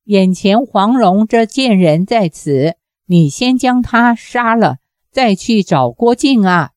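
A woman's voice: medium pitch, animated, slow, dry recording, studio quality. A woman voicing a bitter, vengeful old woman who berates and demands revenge in a raised voice. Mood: fierce. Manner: shouting harsh reproaches.

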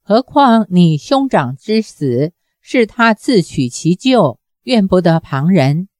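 A woman voicing a gentle old monk master who speaks softly and calmly. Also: fairly low pitch, slow pace, dry recording, studio quality. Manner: soft, calm.

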